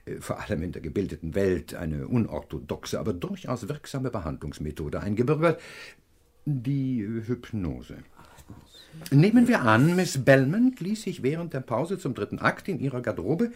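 An actor playing a pompous, self-assured professor and amateur detective in a radio crime drama, lecturing in a pedantic manner. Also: male voice, fairly low pitch.

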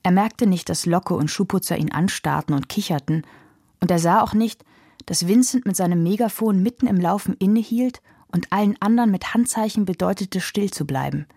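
A woman narrating a children's audiobook in a calm storytelling voice. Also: mid-range voice, normal speed, vocal fry, husky, no echo.

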